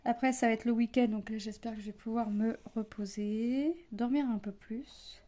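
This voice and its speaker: A woman talks in a relaxed, rambling way as she stitches, her voice a little high but warm and mellow. She drifts from one thought to the next, full of fillers and restarts. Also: moderate pace. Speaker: cross-stitch vlogger, mother. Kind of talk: casual chat while stitching.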